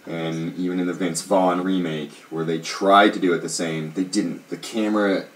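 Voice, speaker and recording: Deep voiced guy co-hosting, lots of um and you know, sounds far off and roomy. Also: steady tone, moderate pace. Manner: rambling, hedging with fillers. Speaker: co-host. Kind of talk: casual chat reviewing a TV show. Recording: roomy, distant mic.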